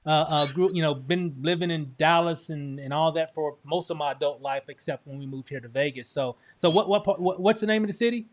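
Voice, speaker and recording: A man's voice: a little high, a little fast, hardly any pauses, a little hiss or hum. A man from Texas hosting a casual promotional chat over a video call, upbeat and full of restarts and fillers. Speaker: host.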